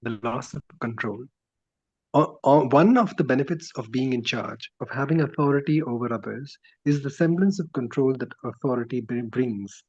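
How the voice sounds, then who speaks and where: A man's voice: mid-range voice, moderate pace, husky. Patient man, dull lo-fi recording. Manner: patient, explains by repeating phrases. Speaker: co-reader explaining the text. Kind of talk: explaining in casual discussion. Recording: dull lo-fi sound.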